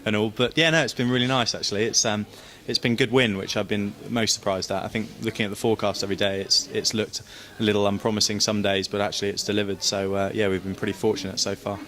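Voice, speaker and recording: A man's voice: lowish voice, flat delivery, fast talker, few pauses, a bit bright, a little hiss or hum. A young man, a sailor being interviewed, chatting in an upbeat, self-deprecating way. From Great Britain. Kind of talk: casual post-race interview.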